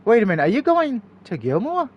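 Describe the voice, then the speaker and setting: A man's voice: very high-pitched, huge pitch swings, a little fast, muffled recording, voice pushed up, heavily acted. A man reading the visual novel lines of a cunning female witch held prisoner, with a playful, taunting manner. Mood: guarded. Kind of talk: visual novel dialogue read aloud.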